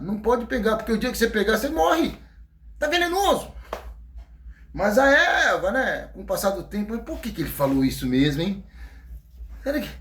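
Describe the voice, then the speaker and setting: A man with a Brazilian accent preaching an informal sermon in a folksy, joking way, acting out scenes. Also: high-pitched. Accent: Brazilian Portuguese. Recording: echoey room.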